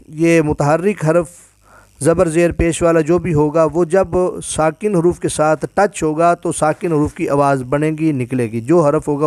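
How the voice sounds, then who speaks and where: A man with a Pakistani Urdu accent teaching a Quran reading lesson, explaining patiently with everyday comparisons and slowly repeating drill syllables. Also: a little high, darkish tone, clear, resonant tone, dry recording.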